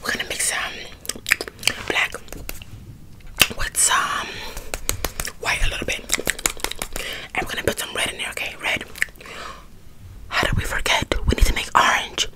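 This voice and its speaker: In a small room at home, a young woman whispers breathily into the mic for an ASMR role-play, wet mouth sounds and all. She repeats words and trigger phrases rapidly and up close, and the recording is rough.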